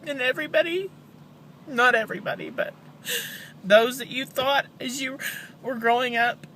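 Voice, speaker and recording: Sad woman doing a personal vlog, halting and downcast, bright edgy voice, little bit of noise behind. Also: sits high, poor audio. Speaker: vlogger, bereaved mother.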